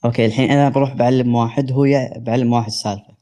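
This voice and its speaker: A man's voice: medium pitch, fairly even intonation, dark tone. A man calling in, answering defensively and hesitantly in casual dialect. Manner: speaks fast colloquial dialect, defensive and hesitant. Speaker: caller. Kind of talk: casual phone-in reply.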